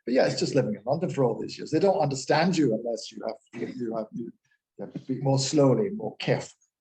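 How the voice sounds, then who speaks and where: A man's voice: mid-range voice, fast talker, warm tone. A man with a Glaswegian accent in casual panel chat, reflective and repeating words as he thinks. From Glasgow, Scotland. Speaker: actor.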